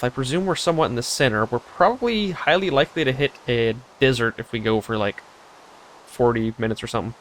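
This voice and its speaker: A man's voice: medium pitch, slight background noise. A young man hosting a casual let's play, rambling through his plans with sarcastic asides and frequent laughs. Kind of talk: casual gameplay chat.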